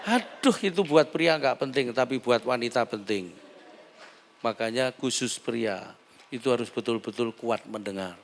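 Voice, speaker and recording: A male pastor, preaching a humorous sermon and acting out dialogues. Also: mid-range voice.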